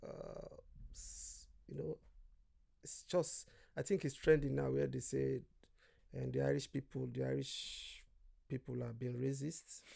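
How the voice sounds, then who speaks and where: A man's voice: medium pitch, level tone, a little slow, vocal fry, mellow. A man from Nigeria, a guest in casual conversation, telling stories animatedly, acting out quoted voices and swearing freely.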